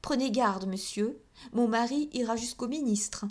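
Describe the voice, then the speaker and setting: A woman's voice: a little high, measured pace, pitched above the performer's own voice. Woman voicing a furious haughty countess. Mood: indignant outrage. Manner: indignant, raised and loud.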